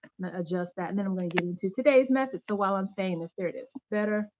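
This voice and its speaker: A woman's voice: medium pitch, rapid-fire, highs cut off, noisy background. Upbeat woman hosting a faith livestream. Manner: chatty, upbeat, greets viewers by name and thanks them. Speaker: channel host giving faith-based teaching. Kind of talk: casual livestream chat.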